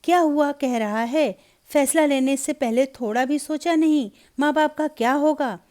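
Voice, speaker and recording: A woman's voice: on the high side, lively intonation, normal speed, dark tone, close to an everyday voice. A woman voicing an anxious, insistent young married woman in a Hindi storybook reading. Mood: worried.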